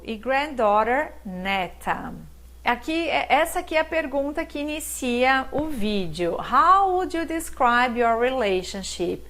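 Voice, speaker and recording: Slow, high-voiced teacher woman. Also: fairly bright tone. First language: Portuguese. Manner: slow, clear modeling of English words for repetition. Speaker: English teacher. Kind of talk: bilingual English lesson.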